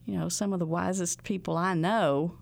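A woman with an Ozark accent, an outreach coordinator telling stories in a folksy, drawn-out way. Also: fairly low pitch, steady tone, gravelly. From Ozarks, Arkansas. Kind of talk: storytelling interview.

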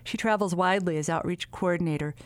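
A woman's voice: on the low side, fast talker, no room sound. A woman radio reporter reading scripted narration for a feature story.

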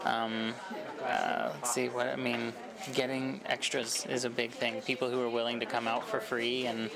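A man's voice: mid-range voice, flat delivery, normal speed, creaky, a crowd in the background. A man from Arkansas, a filmmaker, explaining his work casually in an interview. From Arkansas, United States. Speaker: filmmaker and lead actor being interviewed.

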